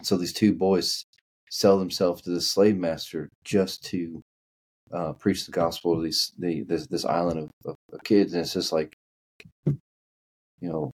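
A man's voice: sits low, steady tone, measured pace, darkish tone, slightly rough, low-quality recording. A man with a Kentucky accent talking casually as a podcast guest, often repeating and restarting words as he searches for them. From Kentucky, United States.

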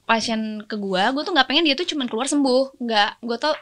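A woman's voice: sits high, a little fast, crowd noise. A young woman, a doctor and podcast guest, telling stories in casual chat and acting out her patients' lines. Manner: animated storytelling, acts out patients' lines.

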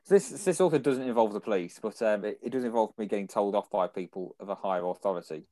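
A man's voice: on the low side, quick pace, warm tone, no echo. A young man with a British accent, telling rambling stories and laughing often as a podcast co-host in casual chat. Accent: British English.

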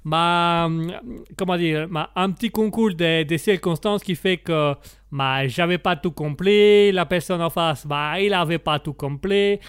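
A man voicing a chatty Italian pasta maker in a put-on Italian accent, speaking slowly and haltingly and filling gaps with "ma". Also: a little high, clear, resonant tone, no room sound, clean studio sound, close to an everyday voice. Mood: rambling. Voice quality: slow and halting, fills gaps with "ma".

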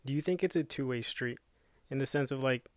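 A man's voice: mid-range voice, a little fast, no room sound. Hesitant young man asking questions. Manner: hesitant, thoughtful, repeats words. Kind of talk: casual chat.

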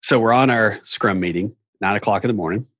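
Husky middle-aged man with an Appalachian accent. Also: fairly low pitch, fairly quick, a bit bright, no room sound. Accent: Appalachian hillbilly, Southern US. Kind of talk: casual conversational explaining.

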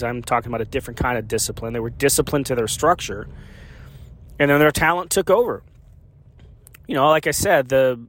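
A man's voice: fairly high pitch, slight background noise. A man, a hockey beat reporter, talking through a post-game analysis in a conversational way and repeating his key points for emphasis.

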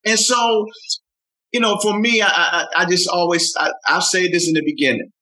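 An older man who mentors youth, talking earnestly in an interview, often repeating himself and rising in pitch when moved. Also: fairly even intonation, normal speed, bright, forceful tone, poor audio. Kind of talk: heartfelt conversational interview.

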